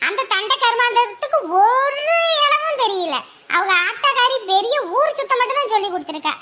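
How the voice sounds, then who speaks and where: A woman voicing a nagging, sharp-tongued old mother-in-law in an animated drama, who scolds and later pleads. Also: very high-pitched, fairly quick, full character voice. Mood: scolding.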